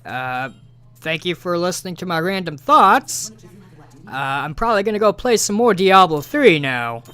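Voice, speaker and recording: A man's voice: sits high, animated, normal speed, bright, forceful tone, smooth. A man rambling over his gameplay footage, stammering with lots of filler words, recorded on a home mic without a pop filter. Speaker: gaming video creator.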